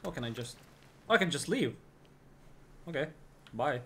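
A man streaming a video game with joking, excitable commentary. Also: fairly high pitch, moderate pace, a little hiss or hum. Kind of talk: gameplay commentary.

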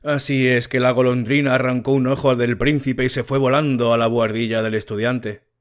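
A man reading a fairy tale as an audiobook narrator, slow and measured. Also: mid-range voice, level tone.

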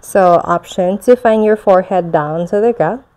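A young woman teaching restorative yoga and guided meditation in a soothing, gentle manner. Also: mid-range voice, normal speed. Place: large bare indoor room with concrete floor. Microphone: chest-worn mic.

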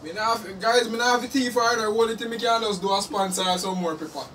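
A young Jamaican man talks casually as he eats at home. His voice sits away from the microphone. Clear noise runs through the phone recording. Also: high voice, quick pace, bright, forceful tone. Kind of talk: casual chat while eating. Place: small room at home, phone camera. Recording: noisy phone recording, distant from mic.

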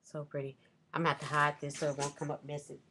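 A middle-aged woman with a low voice talks casually into a desk webcam at home. She rambles through her shopping haul, stopping to correct herself on prices. The talk is loose and chatty. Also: level tone, quick pace, pushed and bright. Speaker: vlogger. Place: small room at home, indoors.

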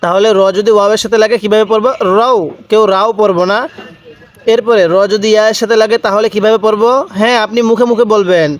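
A man teaching Quran reading, slowly repeating letter and syllable drills for learners. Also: high voice, fairly even intonation. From Bangladesh. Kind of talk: recitation lesson.

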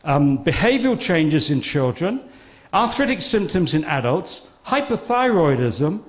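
Animated, emphatic man giving a talk. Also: fairly high pitch, measured pace. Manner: emphatic and sarcastic, with repeated phrases. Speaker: guest speaker. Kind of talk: public talk on a health controversy.

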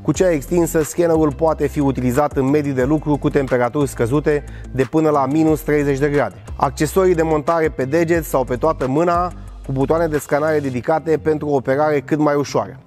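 His voice a little high with a darkish tone, a man in his thirties delivers an upbeat, scripted product presentation in a large warehouse. He demonstrates the item while walking and working.

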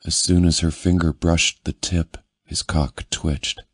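A man reading a romance audiobook as narrator, in a low, intimate manner. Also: level tone, measured pace, breathy edge, dry recording. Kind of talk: scripted narration.

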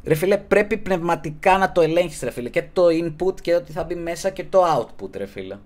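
A man hosting a casual podcast, giving earnest advice in slangy talk and closing his sentences with a low, mumbled "bro". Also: animated, a little mellow. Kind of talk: casual streamed podcast chat.

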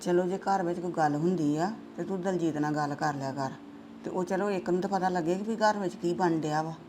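A woman's voice: fairly low pitch, fairly quick, background noise, close to an everyday voice. A middle-aged woman playing a stern mother who lectures her daughter in a family drama. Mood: reproachful. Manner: lecturing, reproachful.

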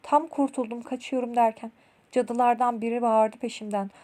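A woman's voice: a little high, steady tone, normal speed, a little mellow, lightly acted. A woman voicing a frightened male bandit from a children's storybook, telling his tale in an alarmed rush.

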